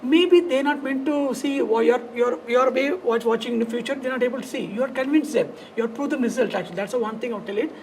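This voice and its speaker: A man with a South Indian accent and a gravelly, creaky voice, telling his story conversationally in loose, fragmented, repetitive phrases. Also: very high-pitched, fast talker, few pauses, darkish tone, slight background noise, rough recording. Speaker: dance studio founder and teacher, podcast guest.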